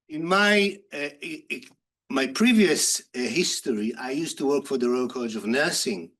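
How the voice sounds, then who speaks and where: A man's voice: on the high side, fairly bright tone. A man lecturing at a conference in an interactive manner, putting questions to the audience and answering them himself. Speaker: university lecturer in nursing and health informatics.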